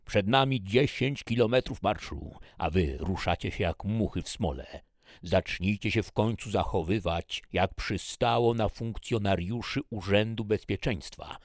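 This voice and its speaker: A man's voice: fairly low pitch, a little slow, no room sound, clean studio sound, voice pushed up. A man voicing a burly, brutal army major who barks and curses orders at his men, in an audiobook reading. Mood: shouting angrily. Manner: barking, cursing, shouting over engines.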